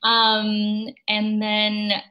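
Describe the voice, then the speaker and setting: A woman's voice: medium pitch, monotone, extremely slow, lo-fi sound. A young woman from China, an opera singer, talking casually in an interview over a video call, thoughtful and dotted with fillers. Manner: thoughtful, with frequent fillers and light laughs.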